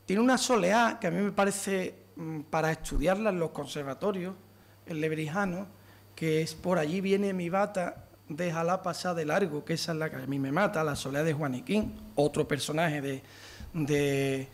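A man giving a lively lecture to an audience, counting out rhythms and beating time aloud as he explains. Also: on the high side, normal speed, vocal fry. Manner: animated, counts out rhythms and taps beats aloud.

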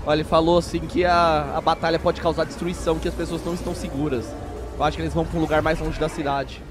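A Brazilian man hosting a reaction video, chatting casually and bursting into excited exclamations and shouts. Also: fairly high pitch, quick pace, over music.

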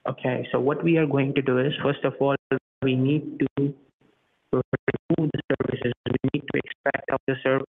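A man's voice: medium pitch, little pitch movement, normal speed, slight background noise. A man on a phone call as a support agent, speaking in scripted, formal phrases while his line keeps breaking up. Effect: choppy phone line breaking up.

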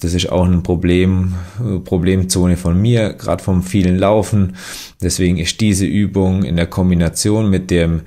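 Young guy with a deep low voice explaining workout moves, lots of ums and restarts. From Germany. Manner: relaxed, many fillers and restarts. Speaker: athlete demonstrating exercises. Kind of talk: voice-over exercise instruction.

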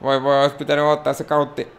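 A man from Finland giving excitable, self-mocking let's play commentary on a wrestling game, talking to the characters on screen. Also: a little high, slight background noise. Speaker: gaming YouTuber.

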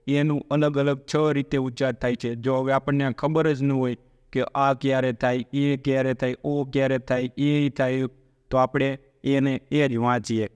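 A man teaching a spoken language lesson. He asks questions and answers them himself, and slows down to spell out example words. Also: mid-range voice, smooth, big-room sound. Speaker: English teacher.

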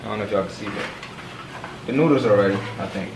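A young man with a fairly low voice talks fast, co-hosting a home cooking vlog in a casual, slangy way. He's recorded indoors in an echoey home kitchen, where loud frying sizzle and stirring fill the background.

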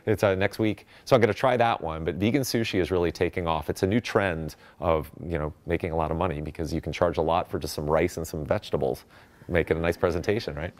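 A man with a very low, deep voice gives a chatty slide talk at a festival. He speaks with eager enthusiasm and often stumbles into fillers and restarts. He is picked up by a stage microphone. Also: quick pace. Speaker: conference speaker. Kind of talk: casual presentation talk with slides.

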